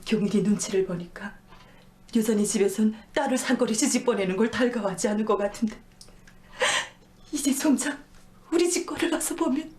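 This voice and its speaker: A woman's voice: medium pitch, warm tone, natural voice. An actress playing a worried middle-aged housewife who pleads with and nags her husband. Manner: pleading, nagging.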